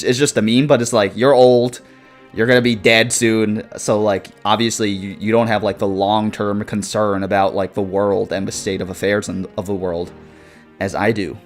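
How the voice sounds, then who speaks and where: A man in his twenties chats casually on a live stream, reading out viewer comments and rambling with plenty of swearing, filler words and laughter. His voice is lowish.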